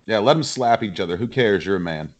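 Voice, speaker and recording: Male co-commentator, lowish voice, blunt and joking, casual banter. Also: animated, fast talker, dull audio. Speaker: co-commentator and fan.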